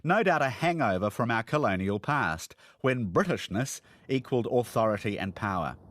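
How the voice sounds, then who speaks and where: New man narrating, lively intonation. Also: medium pitch, normal speed. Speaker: documentary narrator. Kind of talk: scripted narration.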